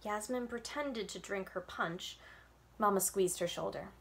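A woman in her thirties, a children's librarian, reads a storybook expressively to a webcam placed at desk distance in her home room with bookshelves. Her mid-range voice is a bit bright and measured in pace, with slight background noise.

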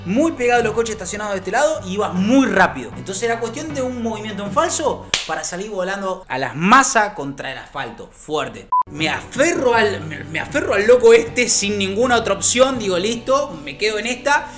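A man's voice: sits high, fairly quick, hardly any pauses. A young man with an Argentine accent, telling a casual anecdote and acting out the voices in it. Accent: Argentine Rioplatense. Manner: animated, acts out voices, laughs often. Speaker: storyteller.

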